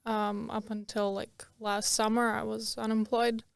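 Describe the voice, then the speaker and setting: Young woman from Croatia, guest; smooth, even delivery, chatty with frequent laughs. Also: fairly high pitch, unhurried, no echo. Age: young adult. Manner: chatty, laughs often, many fillers. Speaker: podcast guest. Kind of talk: casual interview.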